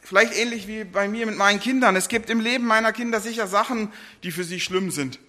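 Bright high-voiced man preaching. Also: a little fast. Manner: earnest, rises for quoted laments then drops low and soft. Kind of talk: sermon.

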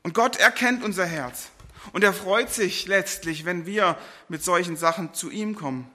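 A middle-aged man preaching a sermon, earnest, rising for quoted laments and dropping low and soft between. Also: moderate pace.

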